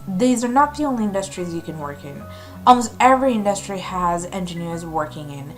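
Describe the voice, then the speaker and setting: A woman in her thirties, a mechanical engineer, giving a clear, upbeat, explanatory scripted career talk. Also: lowish voice, expressive, a little fast, soft background music.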